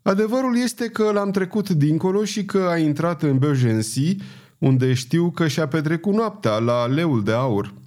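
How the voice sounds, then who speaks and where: A frightened ferryman pleads in a raised, shaky voice, as a male audiobook reader puts him on. The tone stays dark and mellow, and the delivery is breathless and desperate. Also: fairly high pitch, expressive, pitched above the performer's own voice, close to an everyday voice. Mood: nervous. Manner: panicked, begging, breathless. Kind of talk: audiobook character voice.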